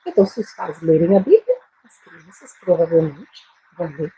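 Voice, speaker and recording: A woman with a Brazilian Portuguese accent teaching a live Bible-based English lesson, speaking slowly and emphatically, repeating phrases and often adding tag questions. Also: on the low side, sing-song, dark tone, husky, low-quality recording.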